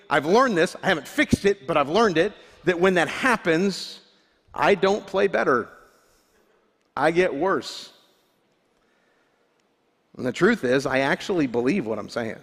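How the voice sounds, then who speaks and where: A man's voice: on the high side, fairly bright tone. A male pastor giving a sermon, candid and self-deprecating, often restarting his sentences. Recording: long hall reverb.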